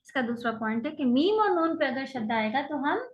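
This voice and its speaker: Woman, high voice, teacher, patient explanations, drawn-out modeled sounds, dull lo-fi audio. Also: very animated. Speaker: Quran recitation teacher. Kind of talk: online tajweed lecture.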